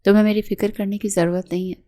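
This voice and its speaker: Woman voicing a young husband, tired, withdrawn, calm and reassuring, audio storybook. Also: medium pitch, close to an everyday voice. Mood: subdued.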